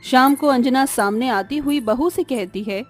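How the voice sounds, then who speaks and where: A woman reading scripted narration for a cartoon story in an even, plain manner. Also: sits high, unhurried, faint music behind.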